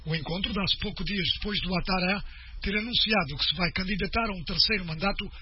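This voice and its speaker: Man reading radio news, muffled. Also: high voice. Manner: steady formal delivery. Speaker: news presenter. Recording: muffled radio broadcast with faint noise.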